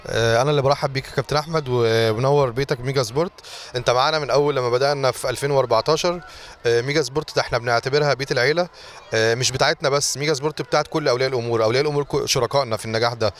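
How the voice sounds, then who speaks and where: A man's voice: mid-range voice, fairly even intonation, rapid-fire, a little hiss or hum. An Egyptian man who runs a sports academy, answering interview questions earnestly and repeating thanks.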